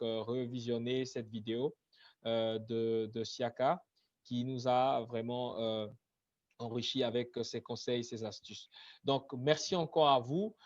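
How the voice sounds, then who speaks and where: A man with an Ivorian French accent hosting a webinar, halting with many fillers as he thanks everyone. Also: mid-range voice, a little mellow, no echo. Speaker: webinar host. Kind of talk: closing remarks of a webinar. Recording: dull dry video-call audio.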